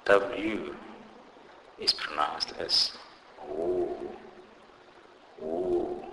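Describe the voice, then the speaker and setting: Deep slow-speaking male language teacher. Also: bright, forceful tone, big-room sound, slight background noise, rough recording. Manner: slow, deliberate, says each example word twice. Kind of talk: scripted pronunciation lesson.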